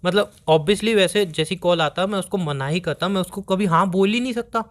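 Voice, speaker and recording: Defensive rambling young man, slightly high. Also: fairly quick. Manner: defensive, rambling, pleading to be heard. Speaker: boyfriend on a call. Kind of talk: scripted comic phone argument.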